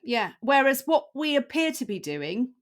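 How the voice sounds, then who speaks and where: A woman doctor hosting a podcast, talking in a thoughtful, measured way and often murmuring agreement. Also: high-pitched, sing-song. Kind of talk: casual conversation.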